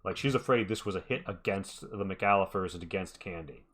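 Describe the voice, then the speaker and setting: Male game master, lowish voice, casual improvised narration, informal, hesitant. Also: brisk, fairly bright tone, a little hiss or hum.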